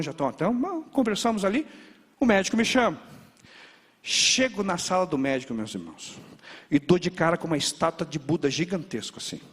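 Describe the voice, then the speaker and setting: A man preaching a sermon as a pastor, telling stories in a lively way with sound words. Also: a little high. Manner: animated storytelling with sound words. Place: large church. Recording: long reverb of a church hall. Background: hall reverb.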